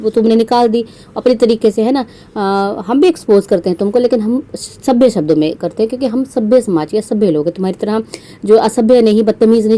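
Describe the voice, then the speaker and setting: A woman's voice: mid-range voice, warm tone. A woman from India hosting her own podcast, giving sarcastic, scolding roast commentary with frequent fillers. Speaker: podcast host.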